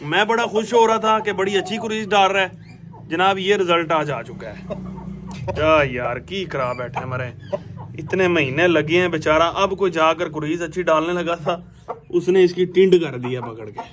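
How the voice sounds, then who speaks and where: A man talks chattily with a high voice, addressing viewers and now and then his birds. He is recorded outdoors on a camera mic. A faint background noise sits under the voice. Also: normal speed, a bit bright. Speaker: bird keeper showing his birds. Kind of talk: casual vlog talking to viewers. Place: outdoors at bird pens.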